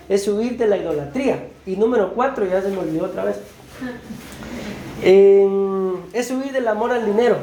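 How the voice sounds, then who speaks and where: A woman preaches a sermon, her voice dark and mellow. She keeps checking in with rhetorical "right?" tags and addresses the congregation warmly as brethren. The sound carries the roomy echo of a church, with a faint hum of ambience behind it. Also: a little high.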